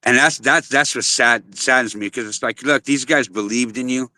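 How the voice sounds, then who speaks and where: A middle-aged man with a bright, forceful voice hosts a casual chat. He speaks earnestly and restarts his phrases often. The sound is dry, without room echo. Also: medium pitch, moderate pace. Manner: earnest, with frequent restarts and "you know" fillers. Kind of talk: casual chat on a live audio space.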